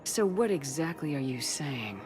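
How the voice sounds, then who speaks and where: A composed female military commander in a sci-fi game. She is firm and businesslike, asking short, probing questions, with music clearly audible behind her. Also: low-pitched, sing-song, unhurried. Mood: cool, businesslike. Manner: terse, cool, probing. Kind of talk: dramatic video game dialogue.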